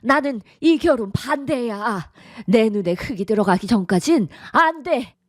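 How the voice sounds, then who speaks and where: A woman's voice: a little high, lively intonation, a little slow, dry recording, studio quality. A synthetic voice of a middle-aged woman playing a domineering, contemptuous widowed mother who nags and scolds in a radio drama. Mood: stern. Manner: nagging, sighing, sharp scolding. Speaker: disapproving mother-in-law.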